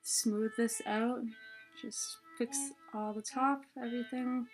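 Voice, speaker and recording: A young woman slowly guides viewers through a head scarf tutorial, chatting casually while demonstrating step by step. Her voice is a little high and steady, with soft background music and poor audio, and the setting is a small indoor room with a plain wall.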